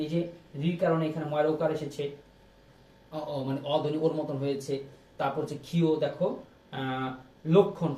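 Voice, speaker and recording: A young male teacher, giving a lively exam-prep lesson and repeating questions to his students. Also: on the high side, far from the mic. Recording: echoey room, off-mic.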